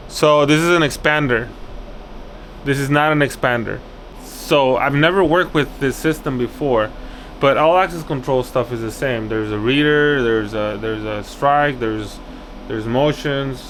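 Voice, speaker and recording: A man gives an off-the-cuff, hands-on walkthrough as an access control installer and video host at an indoor office job site, teaching as he thinks aloud and often repeating phrases. He has a medium-pitched, fairly bright voice over slight background noise.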